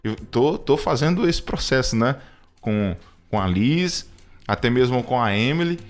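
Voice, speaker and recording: A Brazilian radio show co-host in his thirties shares personal testimony in conversational talk, reflective and halting, often repeating words. His mid-range voice has lively intonation, and faint music plays behind him.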